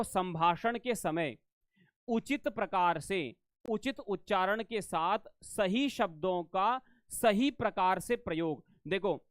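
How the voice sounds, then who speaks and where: A man's voice: high voice, fairly bright tone, clean tone, no room sound, clean studio sound. A man teaching a live online exam-prep class, repeating phrases and quizzing students, often asking if they understood. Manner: addresses students as beta, asks if they understand.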